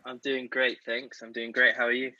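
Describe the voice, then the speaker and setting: A man's voice: medium pitch, monotone, moderate pace, bright, forceful tone, lo-fi sound. A man with a South London accent, chatting casually as a guest in an interview. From South London, England. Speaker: podcast guest.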